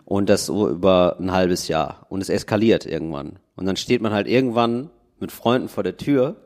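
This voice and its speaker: A man's voice: deep voice, normal speed, a little mellow. A man co-hosting a podcast, chatting casually and riffing playfully on joke ideas. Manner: playful, riffs on joke ideas with put-on quotes. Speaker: podcast co-host. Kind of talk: casual comedic chat.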